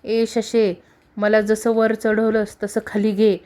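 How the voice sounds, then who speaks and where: A woman's voice: medium pitch, monotone, slow, mellow, natural voice. A woman doing a shrewd old mother-in-law. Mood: commanding.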